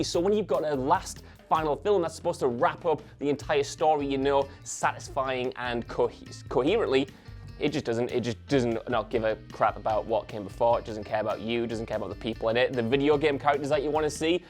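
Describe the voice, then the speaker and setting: A man on a casual panel show, ranting in an exasperated voice. He speaks a little higher than most men. Soft music sits under him. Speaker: panel host.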